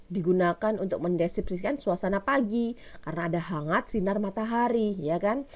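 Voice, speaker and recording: A woman's voice: medium pitch, darkish tone. A woman teacher with an Indonesian accent giving a recorded lesson, explaining step by step and asking her pupils questions she answers herself.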